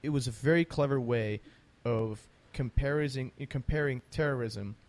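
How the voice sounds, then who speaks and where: A man hosts a conversational interview, speaking emphatically and repeating phrases to drive his points home. His voice is medium pitched at normal speed.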